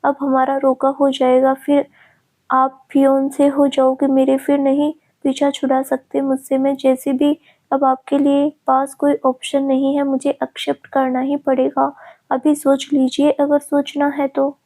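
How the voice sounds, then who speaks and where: A woman's voice: high voice, completely flat delivery, measured pace, mellow. A woman voicing a teasing, affectionate young woman in love, in a storybook reading.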